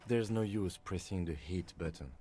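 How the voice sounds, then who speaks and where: An actor playing a calm, reserved police lieutenant in a video game, speaking matter-of-factly. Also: male voice, low voice, normal speed, faint music behind, natural voice.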